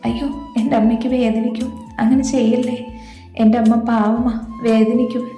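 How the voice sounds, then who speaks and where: A little girl pleads through tears for her mother, as a woman storyteller puts her on. The voice is mellow and flat, and it sits in a roomy echo with soft music underneath. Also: a little high, normal speed, lightly acted. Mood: pleading tearful. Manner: pleading, tearful. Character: small grieving girl who has lost her mother.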